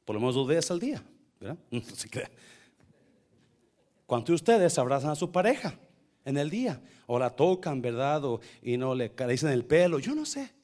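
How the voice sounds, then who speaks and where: Pastor preaching, from hush to loud. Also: male voice, a little high, fairly quick. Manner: storytelling, lively swings from hushed to loud exhortation. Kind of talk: sermon.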